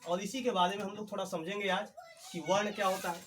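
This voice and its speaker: A man's voice: sits high, little pitch movement, fast talker, fairly bright tone, a little hiss or hum. A man teaching a classroom lesson, drilling the students with call-and-response questions.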